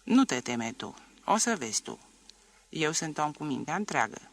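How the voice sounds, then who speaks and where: A man's voice: on the high side, sing-song, fairly bright tone, exaggerated voice. A man voicing a stubborn peasant man and former soldier, talking bluntly and insistently in an audiobook.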